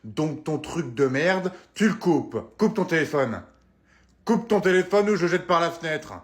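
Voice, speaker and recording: A man plays a foul-mouthed schoolteacher in a comedy skit. He speaks slowly with a fake calm that cracks easily, in a slightly raised voice. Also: on the high side. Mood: snapping. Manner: slow, mock-calm, then snapping.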